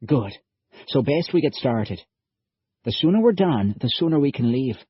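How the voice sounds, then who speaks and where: A husky-voiced man voicing an earnest young male time-traveller who talks in a lively, folksy way. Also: medium pitch, normal speed, no echo, pitched above the performer's own voice. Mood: brisk. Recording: dull lo-fi audiobook recording.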